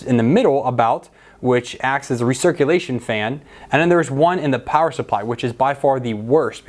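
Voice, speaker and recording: An American man in his thirties talks at a medium pitch in a casual, chatty style. He explains things informally, like a hands-on host speaking to camera in his workshop. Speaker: host of a 3D printing channel. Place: cluttered indoor workshop.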